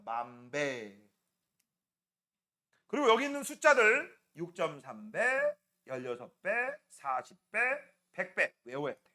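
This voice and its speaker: A man teaching a middle school science class, quizzing students by name and checking in constantly as he works through problems in a classroom. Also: high voice. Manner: lively, swings between loud and quiet.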